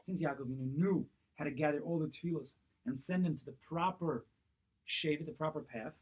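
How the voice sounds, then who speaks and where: Seated at a table in a small synagogue study room, a man in his thirties leads a Torah class, explaining a text while a camera records from a few feet away across the table. He asks questions and answers them himself, repeating key phrases, in a slightly high, somewhat fast, mellow voice with a breathy edge. Audio quality is poor.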